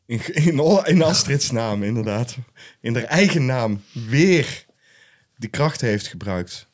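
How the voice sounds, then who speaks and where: A man's voice: mid-range voice, animated, slow pace. A man co-hosting a podcast, narrating an improvised story in short, scene-by-scene sentences. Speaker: podcast co-host.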